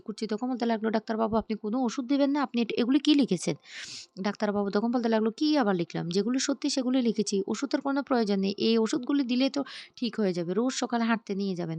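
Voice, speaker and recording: A woman retelling the scenes of a TV serial in a quick storytelling recap, reading out every character's lines herself. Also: medium pitch, gravelly, a little mellow, no echo.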